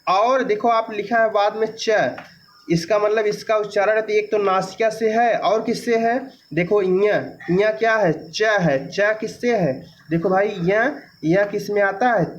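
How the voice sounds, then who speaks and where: A man with a high voice teaches a grammar lesson in a dull, lo-fi recording. He asks his students questions, answers them himself, and sounds out syllables as he goes. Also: darkish tone. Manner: demonstrates sounds aloud, repeating syllables.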